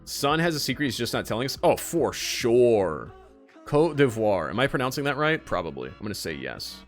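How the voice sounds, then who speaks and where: Animated guy streaming. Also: medium pitch, normal speed, faint music behind. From United States. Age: late 20s. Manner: rambling, self-mocking joking. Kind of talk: casual chat while gaming.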